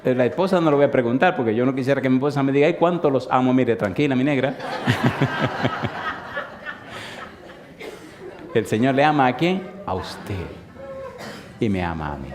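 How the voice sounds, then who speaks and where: A man's voice: medium pitch, lively intonation, measured pace, long pauses, a crowd in the background. Playful storytelling preacher man. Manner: storytelling, playful, asks the congregation questions. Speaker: pastor. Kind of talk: sermon.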